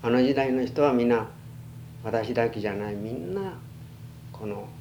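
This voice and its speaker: Casting: elderly man, western Japanese accent, halting reminiscence, plain-spoken, noisy humming archival tape. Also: medium pitch, expressive, dark tone, lo-fi sound. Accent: western Japanese, Chugoku. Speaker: oral history interviewee. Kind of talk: reminiscing in an interview.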